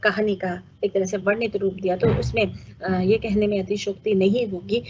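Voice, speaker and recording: A woman teaching a lecture, explaining at an unhurried pace and often pausing with filler sounds. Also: medium pitch, fairly even intonation. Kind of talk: recorded lecture. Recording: slightly dull lo-fi audio with faint noise.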